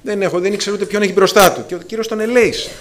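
Male preacher, slightly high voice, fervent, halting with fillers and restarts. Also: steady tone. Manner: addresses listeners as brothers, rising to fervent emphasis; many filler sounds and restarts. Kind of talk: sermon to a congregation.

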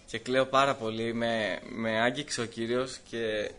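A man giving a personal testimony in church, telling his story in a lively way with laughs, hesitations and voiced quotes. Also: mid-range voice.

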